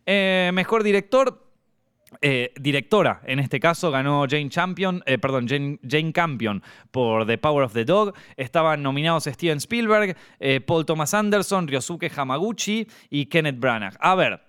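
A man with an Argentine accent hosting a casual film podcast, animated, swearing freely and drifting off-topic, on a close, dry mic. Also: on the high side, a little slow, smooth, no echo. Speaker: podcast host.

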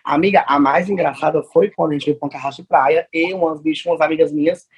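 Guest, male, Northeastern Brazilian accent; husky high voice, dramatic storyteller. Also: fairly even intonation, fast. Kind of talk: casual chat.

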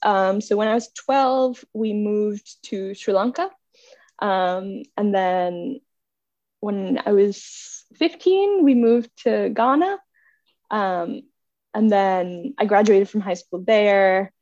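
A young woman from Bangladesh who speaks with an American accent is a podcast guest in casual chat, chatty and self-deprecating and laughing often. Her mid-range voice is a little mellow and she takes things slowly. The recording is dry and dull-sounding.

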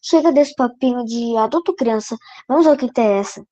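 A woman's voice: fairly high pitch, fairly quick, mellow, close to an everyday voice. A woman playing a commanding, showy child who leads a horror club in a children's audio drama.

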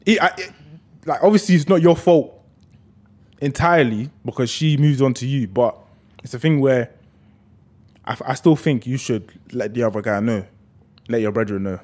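A man in his twenties talks in a London roadman accent at an average male pitch. He is informal and insistent, repeating his point as he argues casually with friends. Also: moderate pace, long pauses, a little mellow. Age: 20s. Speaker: podcast co-host.

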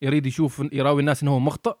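Rapid-fire joking man, dry sound. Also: mid-range voice, level tone, no echo. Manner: quick interjections and jokes. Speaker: podcast co-host. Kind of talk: casual chat.

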